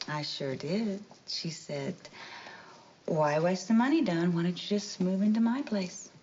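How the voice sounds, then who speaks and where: A woman's voice: lowish voice, expressive, measured pace, a little mellow, slight background noise. An actress playing a chatty young waitress testifying in court, telling her story in a breezy, gossipy way. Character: chatty young female club waitress on the stand. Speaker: witness, club waitress. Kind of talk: 1970s TV courtroom drama. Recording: dull lo-fi TV soundtrack.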